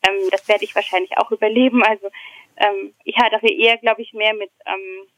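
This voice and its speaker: A woman's voice: medium pitch, flat delivery, fairly quick, a bit bright, dry recording, rough recording. A woman in her thirties talking candidly as a podcast guest, hesitant and reflective, with many fillers. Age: 30s. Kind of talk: candid personal conversation.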